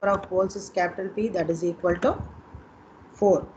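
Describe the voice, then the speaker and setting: A woman's voice: fairly low pitch, fairly even intonation, brisk, a little mellow. A woman with an Indian accent teaching an online engineering exam class, repeating points and checking in with students. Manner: repetitive, instructive, checking in with students. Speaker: engineering lecturer. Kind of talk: online exam coaching lesson. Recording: dull lo-fi online call with noise.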